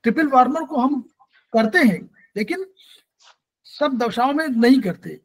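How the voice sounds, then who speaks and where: A man's voice: very high voice, animated, unhurried, rough recording. A man teaching an acupressure class, explaining patiently and repeating key points, mixing English terms into his talk.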